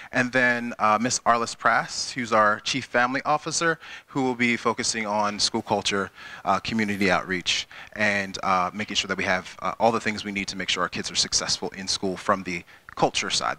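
A man's voice: on the low side, pushed and bright. A man in his thirties with a Midwestern American accent presents to a town hall meeting in a school auditorium, speaking into a handheld microphone in a conversational way full of fillers and restarts. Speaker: school district chief executive. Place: school auditorium with a seated audience.

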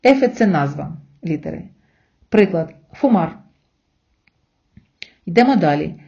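Mellow-voiced woman teaching a language lesson. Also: fairly low pitch, lively intonation, creaky, highs cut off. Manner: slow, careful, spelling out letters and sounds. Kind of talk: scripted online language lesson.

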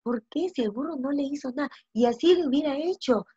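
A woman's voice: high-pitched, fairly quick, warm tone, no echo, highs cut off. A first-grade teacher, giving a recorded reading lesson to young children. She is patient, stretches her words and asks many questions, then answers them herself.

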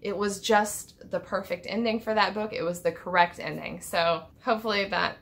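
Woman in her thirties, bright voice, rambling, self-correcting, home vlog. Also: medium pitch, steady tone, moderate pace. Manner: thoughtful, rambling, restarts often. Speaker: book vlogger. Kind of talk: unscripted book tag vlog. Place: home room with packed bookshelves.

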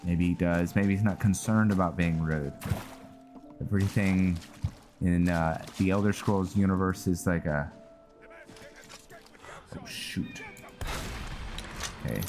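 Game music accompanies a man whose low voice stays fairly even as he plays, speaking slowly with long pauses. His casual commentary is mostly thinking aloud, punctuated by mild exclamations.

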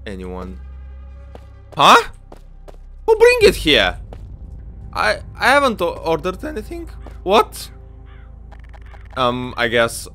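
A man giving excitable let's-play commentary, yelping and repeating words in mock panic. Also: on the high side. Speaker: gaming channel host.

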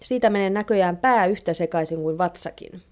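A woman's voice: fairly low pitch, close to an everyday voice. A woman voicing a chatty, tipsy neighbor woman who exclaims and chatters in a storybook reading. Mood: exclaiming.

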